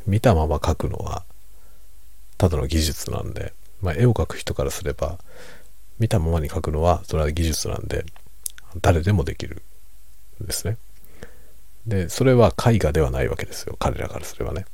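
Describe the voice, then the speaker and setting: Very deep, hushed, gravelly middle-aged man. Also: dry recording. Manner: hushed, unhurried, musing, self-deprecating; relaxed monologue while drinking alcohol. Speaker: streamer. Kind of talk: late-night quiet casual chat.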